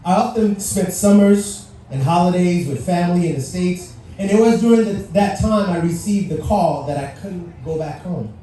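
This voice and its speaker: Speaking as a guest at a civic event, a middle-aged native French speaker from Haiti delivers a motivational talk full of questions and playful asides for the live audience. His voice sits high and mellow, at a moderate pace with few pauses. Captured on a distant mic, the recording carries the echo of a big venue and faint noise.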